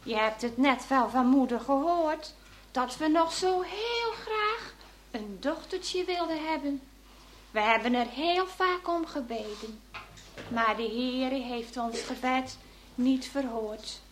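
A woman reading aloud voices a gentle, pious middle-aged father speaking tenderly to his daughter in a children's story. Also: high voice, animated, slow pace, slight background noise.

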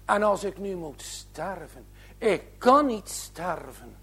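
Man voicing a timid six-year-old boy, tearful pleading, husky and unhurried. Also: high voice, big pitch swings, sharp tone, exaggerated voice. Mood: crying prayer.

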